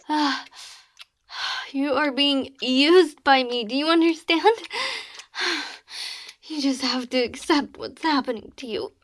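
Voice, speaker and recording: A woman voicing a small, crude, domineering goblin maid in an adult audio role-play, taunting and giving orders between breathy gasps. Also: high voice, slow pace, long pauses. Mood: smug, breathy.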